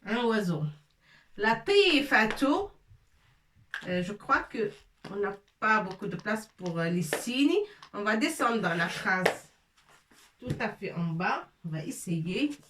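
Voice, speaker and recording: A woman giving an Arabic grammar lesson, slowly repeating words and drilling them aloud. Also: medium pitch, lively intonation, fairly bright tone, slight background noise. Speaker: Arabic teacher. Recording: echoey room, voice from far off.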